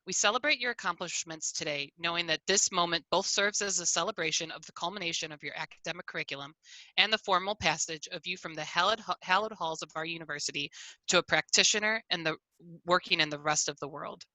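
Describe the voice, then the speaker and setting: A woman's voice: on the low side, quick pace, bright, forceful tone, no echo, poor audio. A woman hosting a virtual commencement on a video call, reading a formal, earnest welcome with small restarts. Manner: earnest, reads prepared remarks with small restarts. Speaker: ceremony host.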